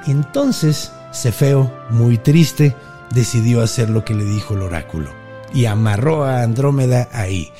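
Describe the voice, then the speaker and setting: A man with a Mexican accent casually retelling a Greek myth on a podcast, slangy, animated and jokey. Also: medium pitch, a little slow, soft background music. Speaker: podcast storyteller. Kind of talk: casual mythology storytelling.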